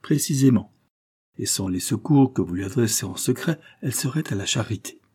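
Guy reading a scheming marquis in an audiobook, sneery and pushy, husky voice. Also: medium pitch, expressive, a little fast. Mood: insinuating. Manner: sneering, insistent, rising to forceful outbursts. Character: scheming menacing male marquis, coldly polite.

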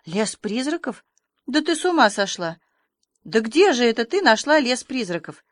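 A woman's voice: mid-range voice, normal speed, a bit bright, no echo, natural voice. A stern, dry older spinster, as a woman reader puts her on gives short, ironic rebukes. She sounds curt and matter-of-fact. The sound is close and dry. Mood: scolding.

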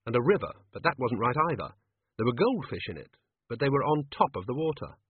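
A man reads a story aloud with wry, measured narration and a lively, rising and falling voice. His tone is husky, and the sound is tinny and phone-like, dry and close. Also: mid-range voice, no room sound. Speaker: audiobook narrator. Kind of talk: scripted narration.

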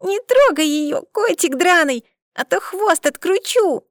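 A squeaky bold little girl. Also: expressive, unhurried, no room sound, studio quality. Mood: defiant. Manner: squeaky, shouting childish voice.

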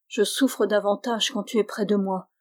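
A woman's voice: mid-range voice, steady tone, moderate pace, lightly acted. Woman putting on a feverish frightened young noblewoman. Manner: anxious, pleading.

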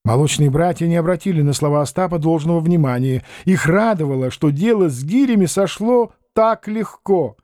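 A man reading a novel aloud as an audiobook narrator, expressive and acting out the characters. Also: fairly high pitch, moderate pace, hardly any pauses, no room sound, studio quality.

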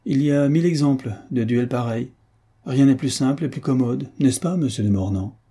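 A man voicing a proud young duke who speaks curtly and coldly, in an audiobook reading with a husky voice. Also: medium pitch, moderate pace, mellow, voice pushed up. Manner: curt, cold.

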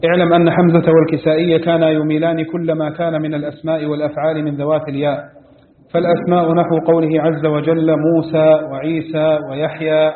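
A man reading a classical text aloud for his teacher, in a steady, even recital. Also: a little high, fast talker, slight background noise. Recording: tinny phone-like audio, echoey hall.

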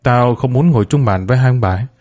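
Man voicing a bitter young woman, blunt, brisk lines, audiobook. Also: mid-range voice, a little mellow, lightly acted.

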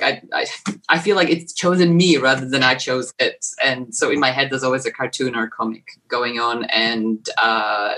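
Animated woman. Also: a bass voice. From Poland. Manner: animated, lots of restarts and laughs. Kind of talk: casual interview answers.

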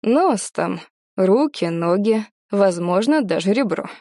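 A woman voicing a brash, cocky young male soldier who talks in a low, teasing purr. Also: animated, slow pace, darkish tone, dry recording, clean studio sound.

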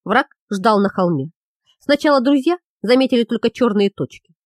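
Expressive woman narrating a fantasy novel. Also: on the high side, no echo, studio quality. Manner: expressive, measured storytelling. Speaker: audiobook narrator.

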